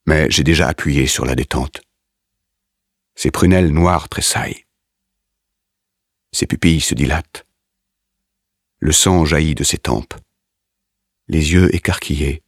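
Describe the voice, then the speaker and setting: A man narrating a first-person dramatic story in a grave, measured manner. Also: very deep voice, breathy edge, no echo, studio quality. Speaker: audiobook narrator.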